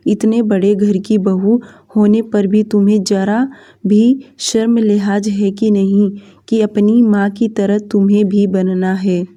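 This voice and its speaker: A woman's voice: mid-range voice, level tone, takes it slowly, dark tone, dull audio, natural voice. A woman reading as a harsh scolding older woman. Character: angry middle-aged woman scolding her daughter-in-law.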